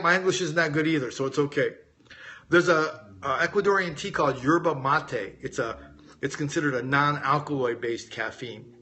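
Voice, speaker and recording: A middle-aged Las Vegas-raised American coach runs an informal live-stream Q&A on weight loss, reading viewers' questions out and answering them conversationally, speaking to them directly. His voice is on the high side with a sharp tone.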